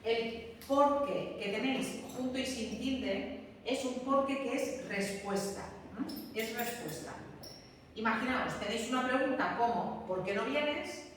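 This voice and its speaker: A woman's voice: fairly high pitch, unhurried. A woman teacher explaining a grammar rule to a class. She repeats each rule and keeps checking that her students follow. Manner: repeats key rules, checks understanding with frequent "¿m?". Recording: echoey classroom from far off, faint room noise.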